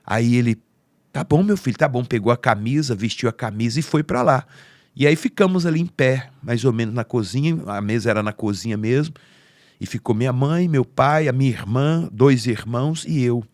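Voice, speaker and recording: A man's voice: medium pitch, normal speed, dry recording. Brazilian man telling a heartfelt story. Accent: Brazilian Portuguese. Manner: heartfelt, acts out quoted family voices. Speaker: podcast speaker. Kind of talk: emotional personal storytelling.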